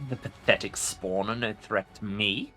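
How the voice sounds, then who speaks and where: A man's voice: on the low side, sing-song, a little fast, sharp tone, soft background music, exaggerated voice. A man voicing an ancient undead lich from a fantasy game, arrogant and imperious, with pompous formal speech. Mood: arrogant, dismissive. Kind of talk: dramatic video game role-play reading.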